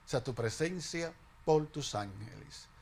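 A middle-aged man, a priest leading liturgical prayers at Mass in a small chapel, intoning slowly and solemnly. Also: mid-range voice, animated, a little mellow, husky.

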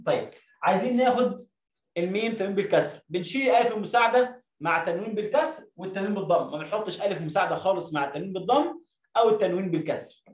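A man's voice: sits high, animated, far from the mic. A man with an Egyptian accent teaching an Arabic reading lesson, stretching words out syllable by syllable. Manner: drawn-out syllable-by-syllable drilling. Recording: roomy, dull lo-fi sound.

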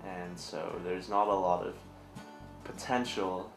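A man's voice: low-pitched, fairly even intonation, slow pace, vocal fry, reverberant, music in the background. A young man telling his story in a documentary interview with dry, sarcastic humor. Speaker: student interviewee.

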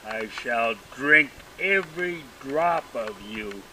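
A man voicing a lonely, jealous male mountain who is courting a lake, speaking in loud proclamations. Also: medium pitch, expressive, takes it slowly. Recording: distant mic, outdoor noise.

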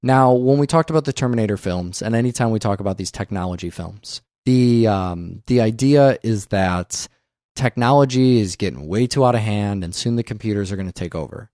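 Swearing, animated podcast co-host, lowish voice. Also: male voice, brisk, dry recording, studio quality. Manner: animated, swearing, acts out scenes in quoted voices. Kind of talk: casual film discussion.

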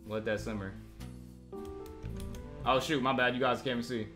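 A man's voice: mid-range voice, fairly even intonation, normal speed, over music. A man streaming a Minecraft roleplay, chatting casually with his viewers between playing a character. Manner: chatty, jokey, talks to chat while playing.

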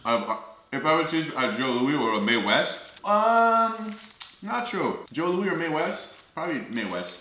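A man's voice: on the high side, sing-song, moderate pace, pushed and bright. A young man chatting casually in slang while tasting snacks for a vlog. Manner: slangy, laid-back, says yo and man. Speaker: vlogger. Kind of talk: casual snack taste-test chat. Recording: echoey room, faint noise.

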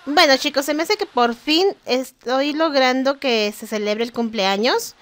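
A woman's voice: high-pitched, unhurried, a bit bright. A young woman giving casual, chatty gameplay commentary, joking with and scolding the game's characters. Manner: chatty, exasperated, jokes with game characters. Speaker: gaming vlogger.

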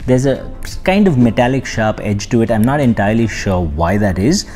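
A male tech reviewer talking in a relaxed, conversational way, his pitch swinging widely as he makes his points. He breaks off for joking asides about himself, with soft music under his voice. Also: moderate pace. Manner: chatty, self-deprecating asides. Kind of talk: casual product review.

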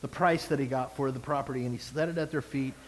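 A man's voice: medium pitch, fairly even intonation, fast, long reverb tail, slight background noise, rough recording. A male pastor giving a sermon, preaching expressively and asking the congregation rhetorical questions.

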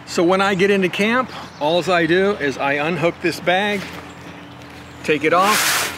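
A high, bright, forceful voice belongs to an older man, a motorcycle vlogger, who unhurriedly shows off his camping gear on a backyard lawn. He talks conversationally and explains each step, often circling back with "again" and "right." There's slight background noise.

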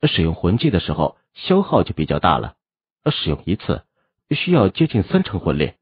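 Calm teen hero, relaxed, low and husky, man's own voice, audiobook. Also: normal speed, dry recording, highs cut off, full character voice. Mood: friendly. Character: good-natured teenage boy hero, calm. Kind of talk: audiobook character voice.

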